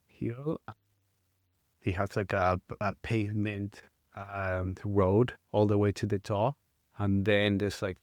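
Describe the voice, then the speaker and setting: A Chilean man in his thirties, a mountain bike guide, speaks as a guest in a casual interview with a Chilean Spanish accent. His fairly low voice is halting, full of fillers and restarts, captured in a dry, studio-quality recording.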